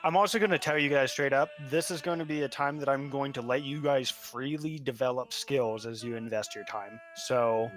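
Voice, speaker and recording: A man's voice: mid-range voice, fairly bright tone. A man narrating a tabletop game as game master in an informal, direct way.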